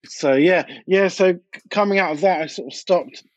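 In a high-pitched voice at a moderate pace, a DJ and producer swaps anecdotes in a casual interview, repeating things to drive them home. The recording is dry and lacks high frequencies.

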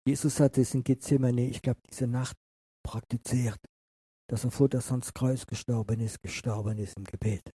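A man's voice: mid-range voice, level tone, normal speed, dark tone, breathy edge, no echo. A male pastor giving an earnest, impassioned sermon that often turns to address the listeners directly.

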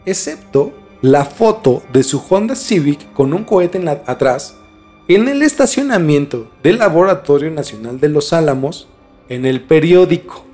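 The Mexican-accented male podcast host here sounds animated, with a dark tone and a voice on the high side, moving a little slowly. He mixes scripted narration with colloquial, slangy storytelling over background music.

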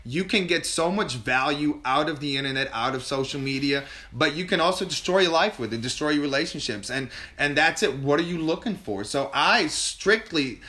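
A man guest in an interview telling a candid personal story, animated and emotional, often restarting and repeating words. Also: on the high side, moderate pace, few pauses. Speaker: podcast guest.

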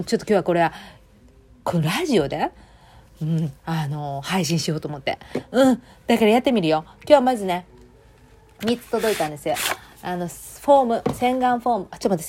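Kansai woman, solo audio host, rapid rambling chat, lower pitch. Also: darkish tone. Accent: Kansai Japanese. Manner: rambling and chatty, many fillers and asides. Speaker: podcast host.

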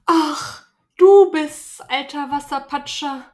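A woman voicing a young princess from a fairy tale, high and pleading. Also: slow pace. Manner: high, pleading, breathless promises.

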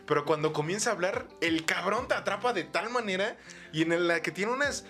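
A man with a Mexican accent co-hosting a casual podcast, talking loudly and crudely and acting out quotes. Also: fairly quick, faint music behind. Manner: loud, animated, swearing, acts out quotes in a high voice. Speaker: podcast co-host.

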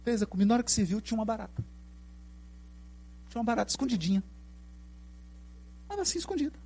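A middle-aged Brazilian man with a Brazilian Portuguese accent giving a spiritist lecture, telling stories in an animated way and asking the audience questions. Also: high voice, fast talker, slight background noise. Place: lecture hall.

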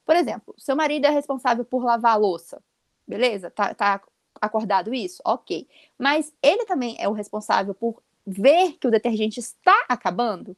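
A woman in her thirties with a Brazilian accent, co-hosting a casual chat and telling stories in a quick, emphatic, animated way. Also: a little high, no room sound, clean studio sound. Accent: Brazilian Portuguese. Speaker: podcast co-host.

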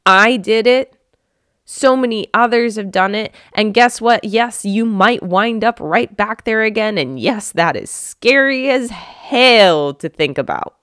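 A woman's voice: on the high side, a little slow, a bit bright, no echo, clean studio sound. A woman hosting her own podcast, speaking earnestly and from the heart straight to her listeners. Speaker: podcast host. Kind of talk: reflective solo podcast talk.

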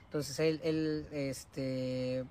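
Slow, halting male interpreter. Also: mid-range voice, level tone, warm tone, a little hiss or hum. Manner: halting, repeats phrases. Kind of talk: consecutive interpreting into Spanish.

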